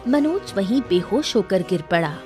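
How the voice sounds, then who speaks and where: A woman narrating a cartoon story in a steady scripted storytelling manner. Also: mid-range voice, moderate pace, soft background music.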